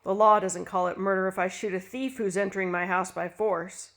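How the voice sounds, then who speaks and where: A woman's voice: medium pitch, fairly even intonation, fairly quick, a bit bright, lightly acted. A woman reading a story, voicing a ruthless middle-aged husband who talks harshly and chuckles at his wife's fears. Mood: cold.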